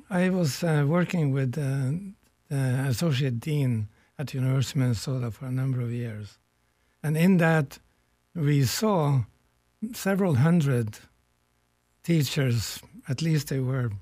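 An older man born in Norway, a retired economics professor, speaking as a radio guest in a reflective, searching way with pauses. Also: mid-range voice, warm tone, dry recording, clean studio sound. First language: Norwegian. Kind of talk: radio conversation.

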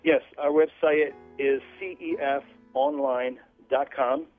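A man's voice: fairly high pitch, fairly even intonation, slow pace, faint music behind. A man from Portugal, a guest explaining his ministry earnestly in a radio interview. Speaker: guest, children's ministry leader. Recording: tinny phone line.

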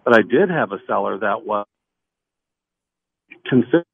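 A man's voice: lowish voice, expressive, normal speed, gravelly. A man calling in on a crackly phone line that fades in and out, chatting loosely with lots of fillers as a realtor. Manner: rambling, loose, full of fillers and restarts. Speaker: realtor calling in to a radio show. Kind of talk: casual phone-in chat. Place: outdoors in the mountains. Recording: tinny, narrow phone line.

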